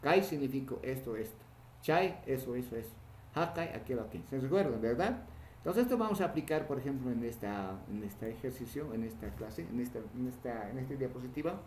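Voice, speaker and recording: A male language teacher giving a recorded class, explaining slowly and checking in with repeated short questions. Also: medium pitch, animated, darkish tone. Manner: patient, repeats words and asks "¿no?", "¿ya?". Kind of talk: online class lecture. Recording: echoey room with faint ambient noise.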